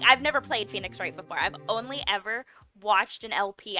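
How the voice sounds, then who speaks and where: A woman's voice: mid-range voice, bright, forceful tone. A woman streaming a game casually, chatty and upbeat, talking to her viewers. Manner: chatty, upbeat, talks to chat. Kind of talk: casual gameplay livestream.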